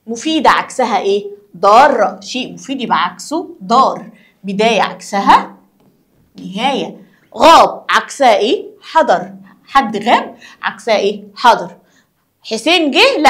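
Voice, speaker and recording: A woman's voice: on the high side, a bit bright. A woman with an Egyptian accent explaining a school lesson to young children, asking questions and answering them herself. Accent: Egyptian Arabic. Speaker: primary school teacher.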